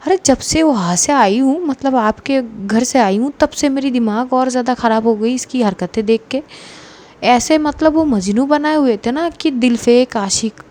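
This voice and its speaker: Woman voicing a fed-up young woman ranting at her friend, loud and scolding, kinda high and mellow, storybook style. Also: moderate pace, natural voice. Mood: exasperated scolding.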